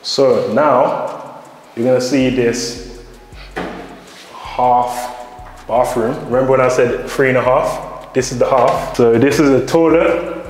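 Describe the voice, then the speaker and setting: A man's voice: medium pitch, fairly even intonation, takes it slowly, pauses often, roomy sound, faint music behind. A young man with a London accent leading an enthusiastic walk-through tour of a newly built house, talking straight to viewers. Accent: London English. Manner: upbeat, enthusiastic, addresses viewers directly. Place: empty newly built house, indoor rooms and garden.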